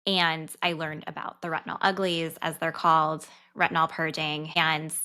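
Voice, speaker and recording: This thirty-something podcast host, who works as a dietitian, shares a personal story in a quick, open, conversational way. She has a deep, bright voice that stays level and comes across forcefully.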